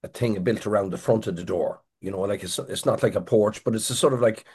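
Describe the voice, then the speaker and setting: A man's voice: on the low side, brisk, darkish tone, husky. A middle-aged Irish man, a crime writer, telling a long rambling story in an interview, with frequent restarts. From Ireland.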